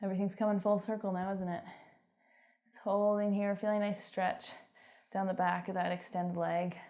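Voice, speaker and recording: A young woman with a Canadian accent guiding a home workout, giving encouraging cues and calm stretching instructions. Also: medium pitch, moderate pace. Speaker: fitness instructor.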